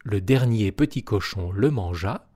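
Male storyteller, children's tale read aloud, unhurried, very animated pitch. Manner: expressive, lively telling. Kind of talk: storybook reading.

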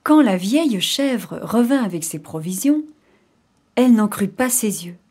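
A woman narrating a children's fairy tale in an expressive storybook reading. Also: mid-range voice, husky. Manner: expressive, unhurried.

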